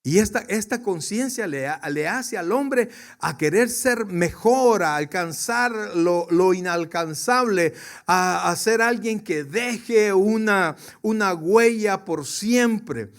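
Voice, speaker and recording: A man preaching a sermon to his congregation, swinging from soft to loud and questioning his listeners directly. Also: high voice, animated, takes it slowly. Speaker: pastor.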